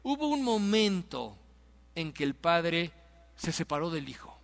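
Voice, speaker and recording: High-voiced preacher in a reverberant hall. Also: male voice, big pitch swings, measured pace, creaky, soft background music. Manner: emphatic, repeats rhetorical questions to the congregation. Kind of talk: sermon. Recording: long reverb of a large hall.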